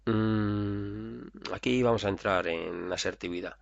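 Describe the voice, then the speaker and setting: A man's voice: on the low side, slow, gravelly, no echo, muffled recording. A man teaching a recorded therapy course over slides, talking conversationally and acting out short example dialogues.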